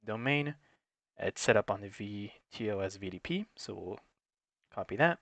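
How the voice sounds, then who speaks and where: Working unscripted through each step of a hands-on technical tutorial, a technical support presenter speaks plainly and instructionally at a moderate pace. His fairly low voice is expressive and a bit bright, with vocal fry. The dry recording has no echo and very little room around it.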